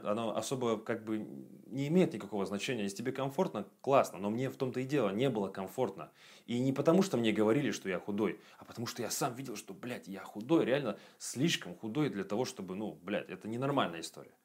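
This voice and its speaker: A man's voice: on the low side, animated, fast talker, darkish tone. A man in his late twenties giving a casual self-improvement monologue for his video channel, blunt and profane, with frequent fillers. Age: 20s. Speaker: video blogger.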